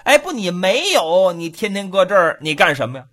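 Give me a gruff, scornful palace guard, acted by a woman narrator, husky, jeering, lively pitch, in a spoken folk tale. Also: a little fast, dry recording, studio quality. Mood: demanding. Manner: barking, mocking.

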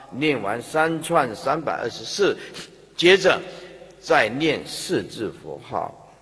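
Husky, lively preacher. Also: male voice, medium pitch. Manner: animated storytelling, acts out scenes, laughs. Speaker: Buddhist dharma teacher. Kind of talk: sermon. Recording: long hall reverb.

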